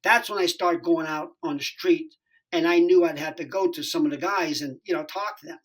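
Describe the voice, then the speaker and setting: A man's voice: on the high side, brisk, poor audio. Rambling comedian man in his sixties. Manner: rambling, animated, profane, many fillers and restarts. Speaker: stand-up comedian and guest. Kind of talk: casual storytelling interview.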